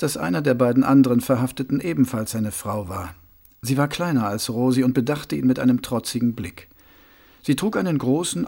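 A man narrating an audiobook in a steady, measured storytelling voice. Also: medium pitch, creaky. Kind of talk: scripted narration.

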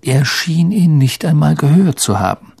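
A man narrates an audiobook slowly and expressively, his voice gravelly and husky. His pitch moves a lot as he tells the story. The sound is close and dry, recorded at a studio mic. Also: sing-song, a little mellow, no room sound.

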